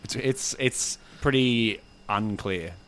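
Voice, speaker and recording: A man's voice: fairly low pitch, slow, fairly bright tone, slight background noise. A man hosting a music talk show in casual, bantering conversation. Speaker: music podcast host.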